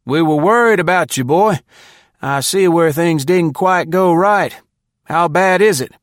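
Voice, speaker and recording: A man doing a gruff, clipped army general. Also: fairly high pitch, a little slow, no echo, studio quality, voice pushed up, lightly acted. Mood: brisk. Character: brisk older male army general on the phone. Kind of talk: storybook reading.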